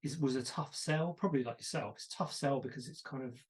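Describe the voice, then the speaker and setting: A man's voice: mid-range voice, fast, darkish tone. A man hosting a podcast, chatting casually and telling stories with self-deprecating asides. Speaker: podcast host. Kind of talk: casual conversation.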